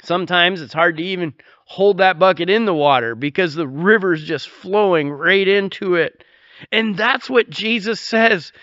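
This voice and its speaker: A man's voice: high-pitched, moderate pace, a bit bright, dry recording, lo-fi sound. A man preaching a sermon as pastor, earnest and folksy, with many fillers and repeated starts, and he rises sharply when he quotes scripture.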